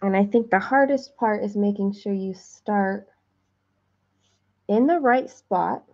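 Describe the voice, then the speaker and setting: Slow gravelly woman chatting while stitching. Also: medium pitch, a little mellow, highs cut off. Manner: chatty, self-deprecating, talks to viewers while counting stitches. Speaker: cross-stitch livestream host. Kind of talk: casual stitching livestream chat.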